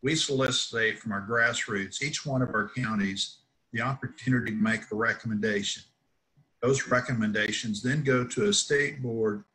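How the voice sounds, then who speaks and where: An older man in his sixties, a farm organization leader, making a measured, formal announcement over a laptop webcam from a room at home. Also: fairly low pitch, pushed and bright, rough recording. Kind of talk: prepared announcement over video call. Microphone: laptop webcam on a video call.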